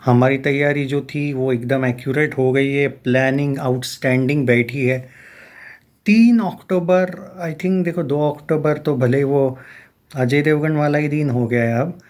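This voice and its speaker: A man's voice: mid-range voice, unhurried, darkish tone. A young man giving casual film commentary, rambling along with many fillers and restarts. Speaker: film news YouTuber.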